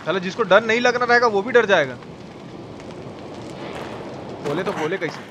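Animated and high-voiced, the man speaks at a moderate pace on lo-fi audio. He gives crude, informal live commentary on his game while addressing viewers and shouting out chat, with clear background noise and game ambience throughout.

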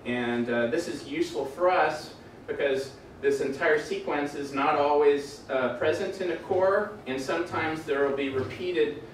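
A man giving an academic presentation in a lecture room, relaxed, with dry jokes and many "uh" fillers. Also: fairly high pitch, unhurried, a little hiss or hum. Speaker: doctoral candidate presenting his defense. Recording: echoey room, voice from far off.

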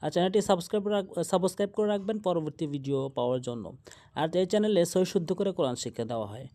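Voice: medium pitch, animated, fast talker, mellow. A Quran teacher giving a tajweed lesson, spelling out letters and vowel marks one syllable at a time and warning about common mistakes. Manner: warns of common mistakes, urges likes and subscribing.

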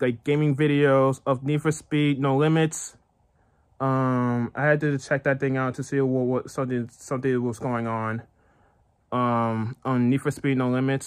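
A man's voice: medium pitch, clean tone. A man hosting a gaming channel, giving casual reaction commentary with lots of stammering, repetition and giggles.

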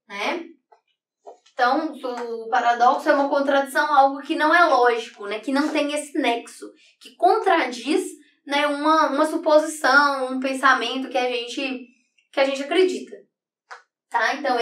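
In an online exam-prep lesson, a woman teacher with a high, slightly bright voice explains figures of speech, constantly adding the tag question "né?" to check in with the class. She writes on a board in a room, and the distant mic picks up an echoey sound.

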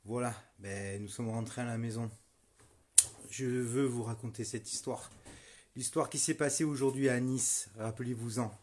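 A man's voice: medium pitch, steady tone, normal speed. A middle-aged man, a volunteer street medic, telling what happened to him in a heated, repetitive first-person testimony. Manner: starts subdued, grows loud and furious, repeats himself.

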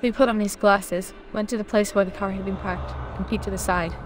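A woman narrating a scripted horror story in a steady, measured way. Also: mid-range voice, background noise.

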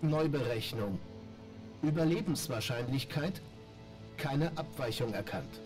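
An actor voicing a malfunctioning male robot companion that reports system errors in clipped, flat phrases, with game music behind. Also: mid-range voice, measured pace, natural voice, poor audio. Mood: mechanical. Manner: clipped, flat machine reports in single words. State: glitching, malfunctioning. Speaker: game character.

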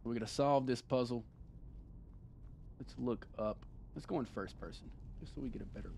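With a mid-range voice touched by vocal fry and a moderate pace, a young gaming host delivers loose, foul-mouthed commentary, joking and talking trash to his opponents. Steady background noise accompanies the recording.

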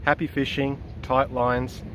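A man's voice: mid-range voice, level tone, measured pace. An enthusiastic Australian man in his thirties narrates a casual fishing vlog from a riverside jetty. He explains things plainly and keeps praising his catch. Faint outdoor water noise sits under his voice. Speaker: fishing vlogger. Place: parked car, then outdoors on a river jetty.

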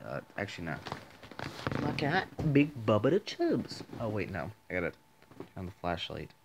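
A man's voice: lowish voice, wildly swooping pitch, normal speed, noisy background. A man making a casual commentary video, rambling and indignant, often restarting his sentences. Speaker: small online video creator.

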